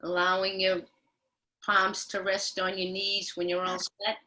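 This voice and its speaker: A woman guiding mindful movement as a yoga and meditation instructor, with a soothing, gentle manner and unhurried pauses. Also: mid-range voice, monotone, rough recording.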